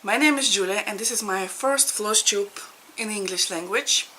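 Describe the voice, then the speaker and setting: A woman's voice: medium pitch, moderate pace, sharp tone, slight background noise, poor audio. A woman in her thirties from Latvia, a native Russian speaker, chatting casually to camera as a needlework vlogger, laughing often and searching for words. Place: home in Ireland.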